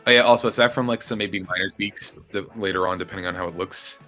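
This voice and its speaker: A young man chats casually as a guest on a stream. His voice is very low but bright, with lively pitch. Faint music plays under him. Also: fast talker. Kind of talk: casual chat.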